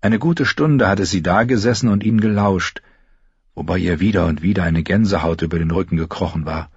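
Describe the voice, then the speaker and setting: A man narrating an audiobook in expressive storytelling style. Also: sits low, a little fast, breathy edge, no echo, muffled recording. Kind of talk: scripted narration.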